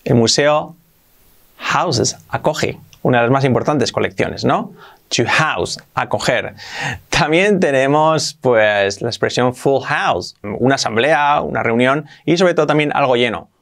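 A Spanish-accented man from Spain runs a relaxed English lesson, his mid-pitched voice carrying a gravelly edge. He says example phrases slowly, repeats them, and acts out short everyday exchanges. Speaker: English teacher. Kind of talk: casual language lesson.

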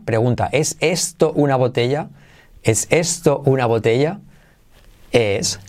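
A man's voice: mid-range voice, darkish tone. Spanish-speaking man teaching English pronunciation. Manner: slows down to model English phrases, repeats drills. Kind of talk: pronunciation lesson.

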